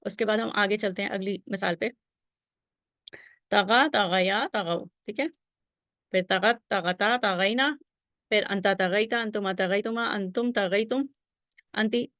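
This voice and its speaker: A woman's voice: medium pitch, fairly even intonation, fairly bright tone, no room sound, studio quality. Patient woman teacher drilling conjugations. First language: Urdu. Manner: patient, drills conjugations aloud with frequent check-ins. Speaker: Arabic grammar teacher. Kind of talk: recorded slide lesson.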